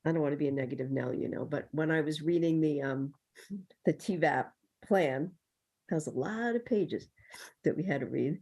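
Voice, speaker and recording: A woman council member speaking in a meeting over a video call whose connection keeps breaking up, candid and halting. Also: low voice, a little mellow. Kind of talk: meeting discussion.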